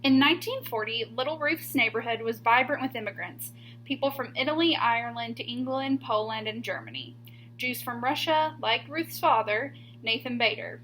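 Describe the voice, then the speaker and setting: Deliberate pauses and emphasized key words mark this expressive read-aloud, as a teacher with a high voice shares a picture book with children. The recording quality is low, with some faint hum and noise underneath.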